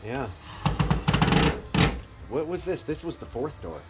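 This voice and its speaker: A man's voice: mid-range voice, big pitch swings, slow. A man in casual joking banter who laughs often and swears freely. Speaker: vlogger. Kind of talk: casual chat. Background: music playing.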